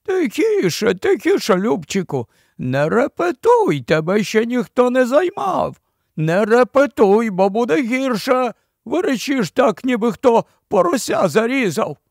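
Guy putting on a gloomy marsh creature voice, squeaky and gravelly, swoops up and down, dry sound. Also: sing-song, no echo, full character voice. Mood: scolding. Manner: high, creaky, slow put-on voice. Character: gloomy lanky marsh creature, grown male. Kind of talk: audiobook character voice.

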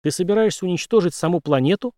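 A man voicing a weary, cautious older general who speaks quietly and ruefully. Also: high-pitched, fast talker, dry recording, clean studio sound, voice pushed up, close to an everyday voice. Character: weary old male general, loyal but cautious.

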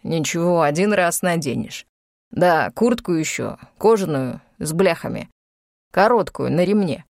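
A gruff, impatient young man barks short orders and grumbles in a lowered voice, as a woman narrator plays him. He sounds secretive and commanding. The recording is close and dry. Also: animated, unhurried, darkish tone, dry recording, full character voice. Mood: bossy. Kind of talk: audiobook character voice.

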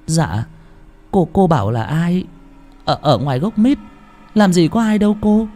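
A timid young kitchen maid from a spoken ghost tale, as a man puts her on, stumbling over her words as she begs. The voice is raised well above his own but kept quiet and small. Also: sits high, sing-song, unhurried, soft background music, voice pushed up. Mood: pleading. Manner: stammering, pleading, soft.

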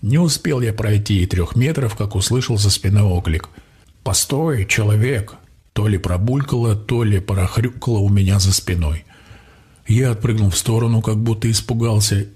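A man narrating a first-person audiobook in a steady, matter-of-fact way. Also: on the low side, slightly rough.

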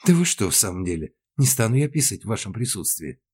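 A brash, impulsive woman passenger, cheeky and a bit whiny, as a male reader puts her on. The voice is pitched above his low, husky tone, in an audiobook reading. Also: very animated, fast talker, darkish tone.

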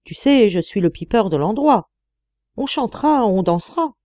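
A cheerful young man from the coal mines bursts out with hearty good humour, as a woman reader voices him. His lines bounce with lively pitch over a warm, mellow tone. The reading is dry and close. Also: normal speed, no echo, close to an everyday voice. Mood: jovial. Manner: jovial, hearty, calls out loudly. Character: cheerful young male miner turned farmhand, singer.

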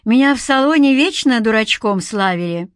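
A woman's voice: fairly high pitch, lively intonation, moderate pace, no echo, clean studio sound, natural voice. A woman voicing a good-natured, joking young man in an audiobook, in her own voice. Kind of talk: audiobook character voice.

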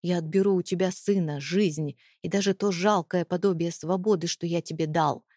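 A woman voicing a cold, threatening husband in an audiobook, speaking in low hissed threats. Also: fairly even intonation, moderate pace, darkish tone, no echo, clean studio sound, lightly acted. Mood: menacing.

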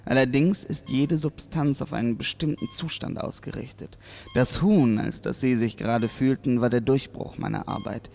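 An actor playing a menacing, sardonically polite mad scientist professor in a German audio drama, with hammy, stagy theatrical delivery. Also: male voice, mid-range voice, normal speed, vocal fry, darkish tone, faint music behind, lightly acted. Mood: lecturing.

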